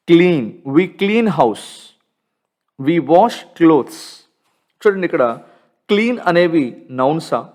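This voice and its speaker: A man with a Telugu accent walks through textbook grammar questions in a fairly high voice. He poses questions to his students, repeats the key rules and answers them himself. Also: a little mellow. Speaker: English teacher.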